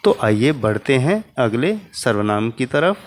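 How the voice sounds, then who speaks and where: A man's voice: mid-range voice, big pitch swings, measured pace. A man teaching a Hindi grammar lesson to children, patiently spelling out each example.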